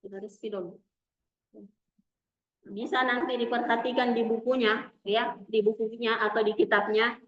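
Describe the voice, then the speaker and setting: A woman teaching an Arabic lesson, explaining slowly and repeating key terms. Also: on the high side, flat delivery, a bit bright. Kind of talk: classroom lecture. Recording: echoey room, dull lo-fi sound.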